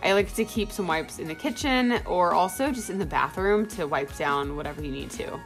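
A young woman with a slightly low voice narrates her housework in an easy, chatty way. She fills her talk with little "like"s, and soft music plays faintly behind her. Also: expressive, normal speed. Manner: chatty, friendly, filler words like "like". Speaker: home vlogger. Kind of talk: casual voice-over narration.

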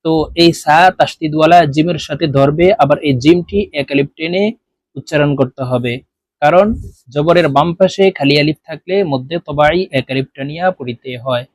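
A man teaching Quran reading in an online lesson, spelling letters out slowly and chanting the words drawn out, then explaining pronunciation rules in quick plain talk. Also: on the high side, steady tone, dry recording.

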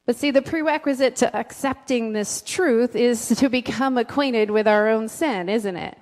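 A woman's voice: a little high, normal speed, a little mellow. A middle-aged woman pastor preaching a conversational sermon on a handheld mic, asking the congregation questions. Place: church sanctuary with a stage. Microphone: handheld mic, filmed from the back of the room. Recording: long reverb of a church hall.

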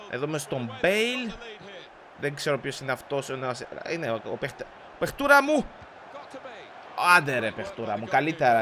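A young man from Cyprus giving excitable live commentary over a football video game, swearing at the game and mixing in English slang. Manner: bursts into high shouting at goals. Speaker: gaming YouTuber.

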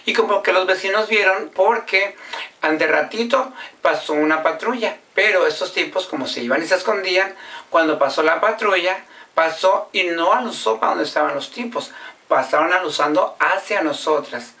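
Bright-voiced woman telling a story. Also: lowish voice, moderate pace, far from the mic. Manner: repetitive, acts out quoted speech and sounds. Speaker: vlogger. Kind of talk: casual personal storytelling.

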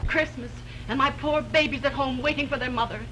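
A woman's voice: sits high, steady tone, a little fast, bright, forceful tone. An actress playing an overwrought, impatient mother in an early talkie film, melodramatic and complaining. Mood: frantic complaint. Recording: slightly noisy 1920s film soundtrack.

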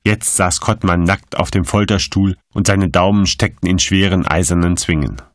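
A man narrating an audiobook in a steady, even storytelling manner. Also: low-pitched, moderate pace, dry recording, studio quality. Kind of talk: scripted narration.

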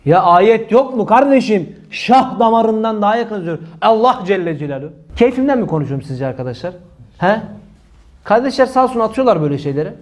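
A religious commentator delivers an impassioned, indignant monologue, emphatic and repetitive, filled with pious formulas. His voice sits high and sounds animated and brisk.

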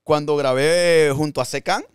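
A young adult man hosting a podcast, telling stories in an animated, slangy way. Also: fairly high pitch, measured pace, clear, resonant tone, no echo, studio quality. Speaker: podcast host. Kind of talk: casual podcast conversation.

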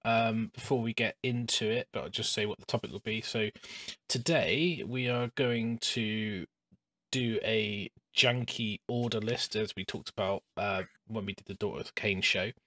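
A man hosts a casual podcast from his hobby room at home. His voice sits fairly low and sounds dry and close to the mic. He talks in a relaxed, rambling way, full of fillers and restarts. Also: moderate pace, dry recording. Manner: relaxed and chatty, with frequent "um" and restarts. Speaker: podcast host.

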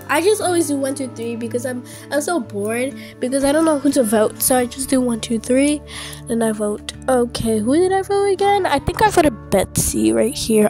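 A woman's voice: high voice, a little mellow. A woman hosting her gaming channel, giving chatty, rambling commentary over gameplay and restarting her sentences often.

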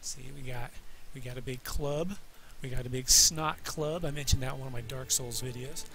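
A man's voice: mid-range voice, fairly even intonation, normal speed, sharp tone. A man hosting a guided video game tour in casual, improvised commentary, with playful, joking, self-deprecating asides. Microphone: desk microphone, voice-over on game footage. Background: game music.

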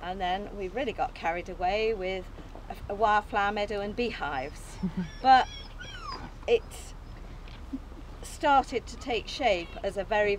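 This is an older English woman, founder of an allotment group, opening an event with a speech she reads from notes outdoors on an open field. Her mid-range delivery is earnest and modest, marked by small hesitations and light laughs. A camera at a distance, no mic, records her amid slight background noise.

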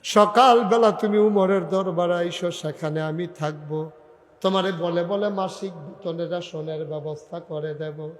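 A preacher voicing a humble, tearful old ruler. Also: male voice, high-pitched, steady tone, a little slow, long reverb tail. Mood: reassuring. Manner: soft, tender, remorseful.

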